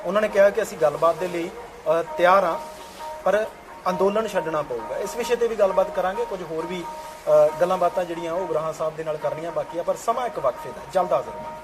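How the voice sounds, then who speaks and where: A man hosting a TV interview show, presenting in a measured way with small hesitations. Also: high-pitched, music in the background, poor audio. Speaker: TV talk show host.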